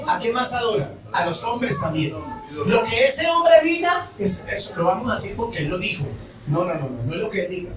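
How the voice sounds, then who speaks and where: A male pastor preaching a call-and-response sermon, asking the congregation questions and answering them himself. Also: high-pitched. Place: church sanctuary. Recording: echoey church hall from far off.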